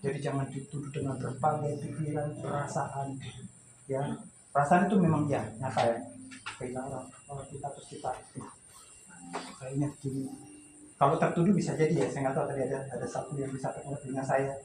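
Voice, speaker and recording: A man's voice: medium pitch, steady tone, fairly quick, a little mellow, roomy sound, a little hiss or hum, low-quality recording. A man preaching at a home memorial service, telling his story in a loose, conversational way, often restarting and laughing. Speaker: pastor.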